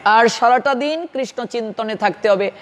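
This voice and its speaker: A man with a Bengali accent preaches an earnest devotional sermon in a very high voice. He instructs his listeners directly. A long reverb trails each phrase, as in a large hall. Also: moderate pace, a bit bright, slight background noise.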